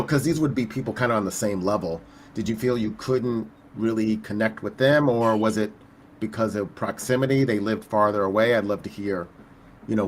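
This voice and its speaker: A male podcast host with a low voice asks curious questions. He thinks aloud, filling pauses with small sounds as he goes. A faint hiss of noise runs behind him. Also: a bit bright. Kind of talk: conversational interview.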